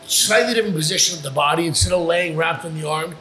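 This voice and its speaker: A man's voice: on the high side, fast talker, a little hiss or hum. A man who is a guest on a podcast, telling profane stories casually and acting out the lines of the people in them. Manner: profane, animated storyteller who acts out quotes. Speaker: podcast guest, fighter and wrestler. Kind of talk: casual storytelling chat.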